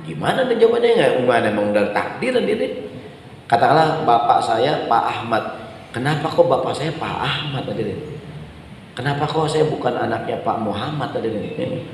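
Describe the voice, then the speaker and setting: A man's voice: mid-range voice, expressive, a little fast. A man preaching in a mosque, chatty and humorous, acting out the questions of everyday people and often turning to his audience. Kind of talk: mosque sermon. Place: large mosque hall. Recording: echoey hall with faint room noise.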